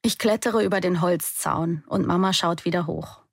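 A woman's voice: on the low side, normal speed, vocal fry, no room sound, studio quality. A young adult woman giving an intense, emotional first-person audiobook narration.

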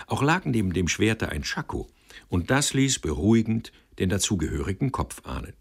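A man narrating a storybook with deep, low pitch and lively, rising and falling intonation. His tone is husky. He tells the story expressively. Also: moderate pace. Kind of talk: audiobook narration.

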